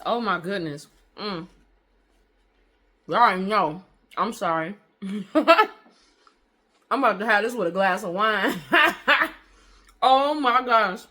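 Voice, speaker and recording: A woman talks in a home kitchen while she bakes. Her chat is loose and friendly, full of fillers, and she calls her viewers honey and y'all. Her voice sits at a middle pitch for a woman. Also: bright, forceful tone. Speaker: vlogger. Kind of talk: casual baking vlog chat.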